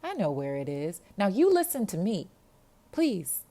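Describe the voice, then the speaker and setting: A woman's voice: mid-range voice, wildly swooping pitch, unhurried, dark tone, pitched above the performer's own voice, full character voice. A woman voicing a tired, grumpy taxi dispatcher on the phone, weary and sarcastic. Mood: scornful.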